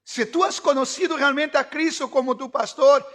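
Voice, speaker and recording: Very high-voiced fervent male preacher. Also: moderate pace. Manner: fervent preaching, shouting at peaks. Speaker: pastor. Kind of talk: sermon.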